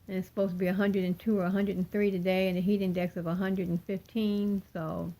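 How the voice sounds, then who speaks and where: Without her dentures in, an older woman who vlogs about cross-stitch gives viewers a rambling, apologetic, casual update in soft, toothless speech. Her mid-range voice stays level in tone and moves fairly quickly, and the recording is rough.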